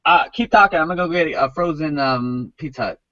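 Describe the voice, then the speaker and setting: A man's voice: a little high, fairly quick, sharp tone, no room sound. A man hosts a loose podcast chat in a slightly raised voice. He rambles, stumbles over repeated words and leans on "you know". The recording is dry and dull, like lo-fi audio. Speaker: podcast host. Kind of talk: casual chat.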